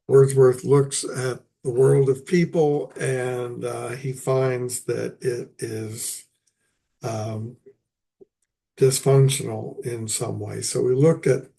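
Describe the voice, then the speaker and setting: An older man hosts a poetry lecture in a voice left hoarse and raspy by illness, speaking haltingly with lots of pauses and fillers. His voice is mid-range and warm.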